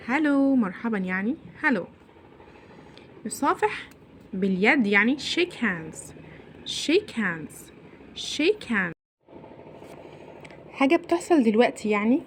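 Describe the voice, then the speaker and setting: A woman with an Egyptian Arabic accent teaching a children's English lesson, repeating each word slowly for pupils to follow. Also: mid-range voice, slight background noise. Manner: cheerful, drills English words slowly and repeatedly.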